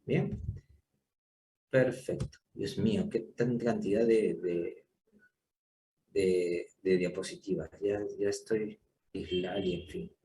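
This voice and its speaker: A man's voice: low voice, steady tone, takes it slowly, pauses often, mellow. A man giving a psychiatry lecture, explaining terms and often checking in with rhetorical questions. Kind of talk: university lecture. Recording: echoey room, distant mic, faint noise.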